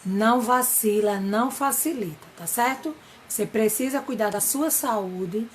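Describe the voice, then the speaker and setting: Slow, caring Brazilian woman teacher. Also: fairly high pitch, slight background noise. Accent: Brazilian Portuguese. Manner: slow, caring advice to children.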